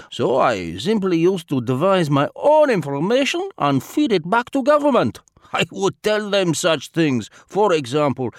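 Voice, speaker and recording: A man's voice: high voice, no room sound, studio quality. A man voicing a pompous, sly foreign spy who speaks broken English in a florid, self-satisfied way. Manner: broken English dropping articles, florid and smug. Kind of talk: storybook character voice.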